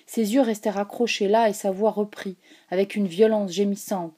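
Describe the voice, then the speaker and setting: A woman reading a literary novel aloud in a grave, measured way. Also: medium pitch, fairly even intonation, warm tone, breathy edge. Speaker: audiobook narrator.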